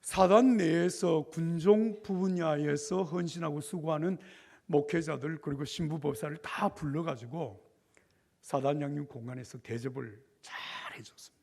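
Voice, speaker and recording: An older man, a pastor, telling a story in a revival sermon with lively acted dialogue. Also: fairly high pitch, normal speed, gravelly.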